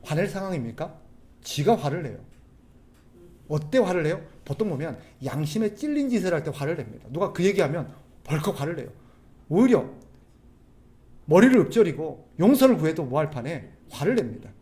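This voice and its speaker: A man preaching a sermon as a pastor, animated, putting rhetorical questions to the congregation. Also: a little high, fairly quick. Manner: acts out quoted people's voices.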